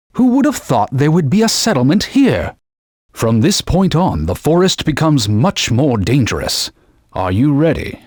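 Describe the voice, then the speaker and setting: In video game voice clips, a man voices a haughty, pompous talking sword, a sidekick guide that directs and scolds its wielder in a stern, formal way. His voice is slightly husky and turns shrill when alarmed. The clean studio sound is dry, captured on a dry studio mic.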